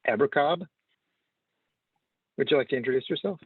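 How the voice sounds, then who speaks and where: A man's voice: mid-range voice, moderate pace, slightly rough, dry recording. Man hosting a video call, tinny audio. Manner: brief and encouraging. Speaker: host.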